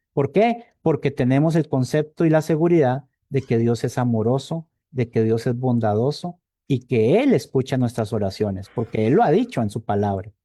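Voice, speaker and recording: Warm-voiced Costa Rican preacher. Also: male voice, mid-range voice, no room sound. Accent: Costa Rican Spanish. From Costa Rica. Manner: conversational, asks the congregation "¿verdad?" often; repeats words while searching for them. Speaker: evangelist preacher. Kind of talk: sermon.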